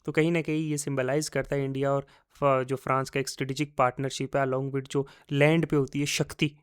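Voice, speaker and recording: A man's voice: medium pitch, flat delivery, a little fast, smooth. A man teaching a recorded exam-prep lecture. He talks conversationally, mixes in terms, and asks his own questions before answering them.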